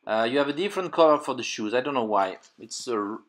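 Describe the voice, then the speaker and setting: Fast and animated, with a medium-pitched voice, the middle-aged man from France rattles through a toy review in informal English. French is his first language and his accent shows it. Fillers and false starts pop up as he gropes for words, all inside a room full of figures and display cases.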